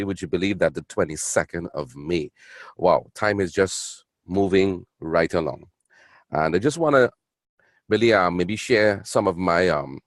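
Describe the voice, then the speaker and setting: Man, call presenter, chatty and upbeat, very low voice, dry sound. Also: no room sound. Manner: chatty, upbeat, engaging the audience. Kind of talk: hosting an online call.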